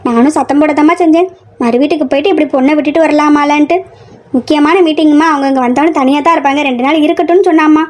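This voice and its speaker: A woman voicing a kindly middle-aged aunt in a fan audio drama, reassuring and gently pleading. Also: high-pitched, fairly even intonation, very fast, close to an everyday voice.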